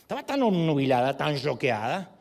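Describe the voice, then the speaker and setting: A male pastor preaches a sermon as animated storytelling, full of humor, playful asides and acted-out quotes. His gravelly voice sits on the high side at a normal speed.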